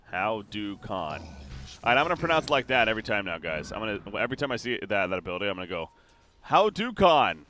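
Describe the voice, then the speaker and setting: A man casting a live competitive video game match, calling the plays quickly and getting excited at the big moments, with frequent fillers and restarts. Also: on the low side. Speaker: esports caster.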